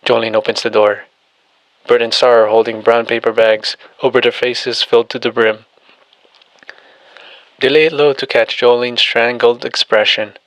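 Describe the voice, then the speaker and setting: A man narrating an audiobook and reading every character's lines in an even, steady delivery. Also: medium pitch, normal speed, no room sound, low-quality recording.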